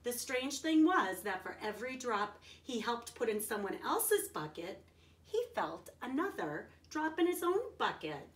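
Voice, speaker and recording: A woman's voice: on the high side, very animated, a little slow, a little hiss or hum. A woman reading a children's picture book aloud expressively, adding simple explanations and checking in with her young listeners. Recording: roomy echo, distant from the mic.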